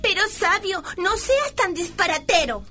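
An actor voicing an excitable, inquisitive bee lady in a children's audio adventure, exclaiming and asking insistently. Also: very high voice, a little slow, faint music behind, full character voice. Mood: insistent, curious.

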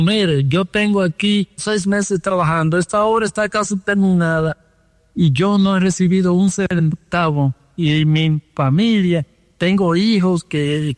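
A Dominican man speaks earnestly down a phone line, recounting his past. His voice sits a bit high and carries a long reverb. The close sound is otherwise dry. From Dominican Republic. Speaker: guest. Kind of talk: testimony over the phone.

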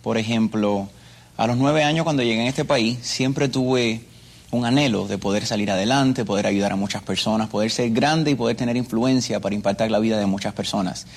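A Cuban man with a Cuban Spanish accent speaks briskly in a fairly low voice. As an interview guest, he earnestly gives a personal testimony about his life, often repeating his phrases.

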